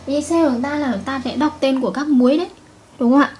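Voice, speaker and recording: A woman's voice: sits high, fast talker, darkish tone, a little hiss or hum. A woman chemistry teacher giving a recorded video lesson, patiently repeating each point and checking with her students.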